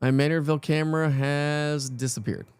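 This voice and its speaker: A man's voice: on the high side, fairly even intonation, moderate pace, a little mellow, clean tone, dry recording. A man presenting live severe weather coverage off the cuff, talking informally and directly to viewers.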